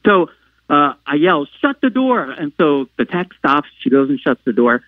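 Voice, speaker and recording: Halting man on a tinny line. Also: on the high side, no room sound. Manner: halting, filler-heavy retelling; acts out quoted lines with sudden loud outbursts. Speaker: podcast guest. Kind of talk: personal storytelling. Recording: narrow phone-like line, dry.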